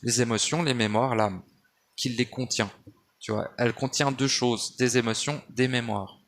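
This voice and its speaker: A man's voice: mid-range voice, steady tone, moderate pace, fairly bright tone, slight background noise. A man talking at home in a loose spiritual monologue, wandering off track and restarting often. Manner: digressive, many restarts and fillers, addresses listener as tu. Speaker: spiritual speaker. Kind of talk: rambling spoken monologue. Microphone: handheld phone or basic mic.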